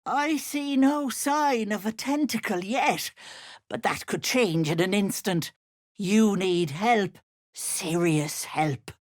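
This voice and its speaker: An actress playing a sinister old hag who poses as a kindly auntie in a video game, cooing mocking endearments in a theatrical way. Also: female voice, medium pitch, slow pace, natural voice. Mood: folksy, knowing. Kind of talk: video game character acting.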